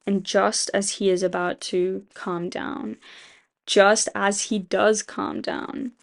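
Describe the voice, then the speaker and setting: A woman talks through a story she wrote, in a loose, rambling way full of fillers and restarts. She swears casually and keeps circling back to explain each detail. Her voice sits at an ordinary middle pitch. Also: flat delivery, slow pace, vocal fry. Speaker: video creator. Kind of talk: casual retelling of a fan rewrite.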